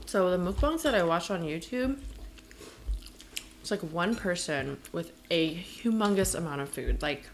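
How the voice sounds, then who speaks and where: A woman's voice: lowish voice, expressive, a little slow. Woman chewing while talking, noisy recording. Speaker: mukbang video co-host. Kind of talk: casual chat while eating. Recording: clear background noise, eating sounds.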